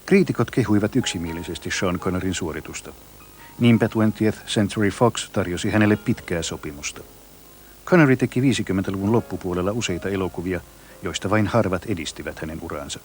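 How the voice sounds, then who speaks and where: A man narrating a documentary in an even, informative scripted read. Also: low voice, fast talker. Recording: voice-over with faint music.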